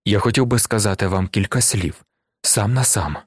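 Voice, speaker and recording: A man doing a quiet, humble arrested man. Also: moderate pace, no room sound, studio quality, natural voice. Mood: pleading quietly. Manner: low, quiet, earnest. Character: calm, humble middle-aged man under arrest. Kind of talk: audiobook reading.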